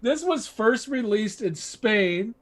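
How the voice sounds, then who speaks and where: A man's voice: high-pitched, animated, slow pace. A man co-hosting a casual horror movie podcast, rambling, laughing often and cracking crude jokes. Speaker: podcast co-host.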